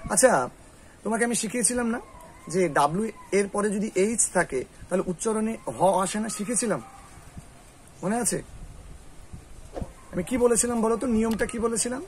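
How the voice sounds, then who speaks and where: A man with a Bengali accent teaching spoken English, quizzing a student patiently and repeating phrases slowly. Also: high-pitched, a little hiss or hum. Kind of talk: classroom lesson.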